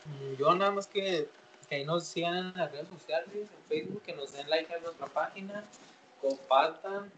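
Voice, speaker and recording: A man with a Mexican accent telling a slangy, animated story on a podcast among friends, acting out the voices he quotes. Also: on the high side, normal speed, slight background noise, low-quality recording. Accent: Mexican Spanish. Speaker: podcast co-host.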